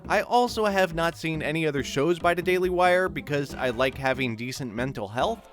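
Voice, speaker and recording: A man talks through a sarcastic opinion commentary with a fairly high voice. His pitch rises and falls a lot, and faint music plays behind him. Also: fairly bright tone. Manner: sarcastic and critical. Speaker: video commentator.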